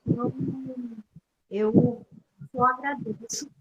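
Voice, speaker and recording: A woman's voice: a little high, fairly even intonation, slow pace, fairly bright tone, roomy sound, highs cut off, a little hiss or hum. A middle-aged woman from Pernambuco, a guest actress and theatre teacher, speaking reflectively in a live video call and often searching for her words. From Pernambuco, Brazil. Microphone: computer mic on a video call.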